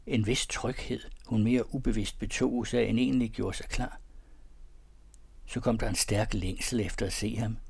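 A man calmly reading a romantic story aloud in a measured, softly expressive way. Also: on the low side, creaky, husky. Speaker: narrator. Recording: dry close recording.

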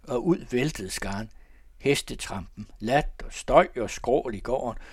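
A man narrating a classic literary story in a measured, storytelling manner. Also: mid-range voice, breathy edge, no room sound, studio quality.

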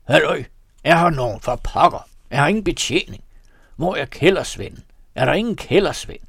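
A proud little townsman, as a male reader plays him, curt and quick to anger. His voice rises loud and sharp when he is crossed. It is an old storybook tale read aloud. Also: mid-range voice, sing-song, creaky, husky, no echo, clean studio sound, exaggerated voice. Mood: shouting. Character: small proud clever townsman, irritable.

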